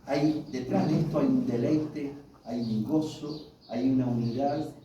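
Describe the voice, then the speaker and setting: A man in his sixties with an Argentine accent, preaching warmly and conversationally to married couples at a workshop, asking his audience questions as he goes. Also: medium pitch, measured pace, dull audio. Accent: Argentine Spanish. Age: 60s. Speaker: pastor leading a marriage workshop. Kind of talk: colloquial sermon to married couples. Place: church hall with an audience. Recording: very echoey hall, voice from far off, faint noise.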